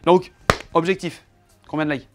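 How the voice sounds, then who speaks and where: A man's voice: fairly high pitch, little pitch movement, normal speed, music in the background. A man in his home office chatting casually to camera, showing off his setup and teasing his cameraman in a playful, joking way.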